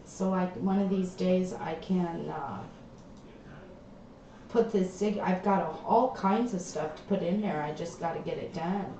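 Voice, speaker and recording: Slow-talking woman sounding inside a tin can. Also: lowish voice, mellow. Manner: slow, chatty, trailing off mid-sentence. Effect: hollow tinny sound, like inside a tin can. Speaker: livestream host. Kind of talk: casual livestream chat while crafting. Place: home craft room. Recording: echoey, dull lo-fi stream audio with faint background noise.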